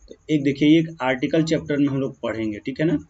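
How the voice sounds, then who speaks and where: A man teaching a grammar lesson, slowing down as he writes words out and often checking that students follow. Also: mid-range voice, darkish tone, breathy edge. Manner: keeps checking in with "ठीक है ना" and "clear है"; slow, drawn-out when writing words. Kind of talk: grammar lesson explaining on a board. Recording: dull, muffled lo-fi sound.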